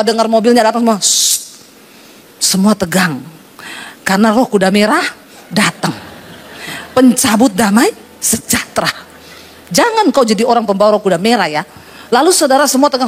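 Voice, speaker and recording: A woman pastor preaching a sermon, telling humorous stories and speaking straight to her congregation. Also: a little high. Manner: humorous storytelling, addresses congregation.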